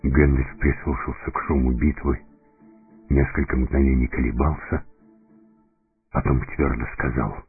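A man narrating a fantasy story in deliberate, dramatic scripted audiobook style. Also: rumbling low, little pitch movement. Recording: narrow phone-like sound, faint music.

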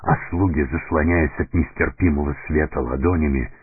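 Very deep, husky male storyteller. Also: steady tone, no room sound. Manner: deliberate, dramatic storytelling. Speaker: narrator. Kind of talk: scripted audiobook narration. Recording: narrow phone-like sound, faint music.

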